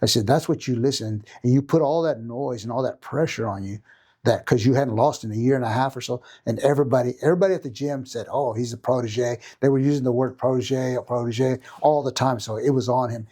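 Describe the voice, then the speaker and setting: A man's voice: mid-range voice, fairly quick, mellow, breathy edge. A middle-aged man, a jiu-jitsu coach telling a long story as a podcast guest, tagging many sentences with questions. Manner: rambling anecdote with many tag questions.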